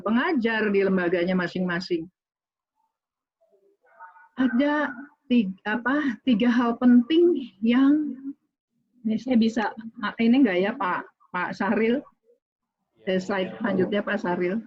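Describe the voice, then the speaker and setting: A middle-aged woman giving an online lecture on public speaking, talking straight to her listeners, with many fillers and restarts. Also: medium pitch. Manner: many fillers and restarts, addresses audience directly. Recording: slightly dull lo-fi audio.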